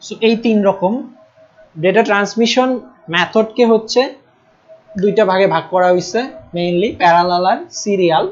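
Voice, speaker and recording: This young teacher, Bangladeshi Bengali in accent, speaks in a high, steady voice at normal speed and pauses often, with dull audio. In his live online class he patiently repeats key terms, stresses spelling and pronunciation, and regularly asks "ঠিক আছে?" to make sure students follow.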